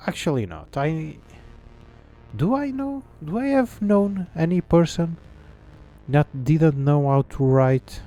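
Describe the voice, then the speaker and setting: This man's mid-range voice has a warm tone, though the recording is rough. Not a native English speaker, he thinks aloud and mutters to himself while coding a game live on stream, leaning heavily on fillers in his casual talk.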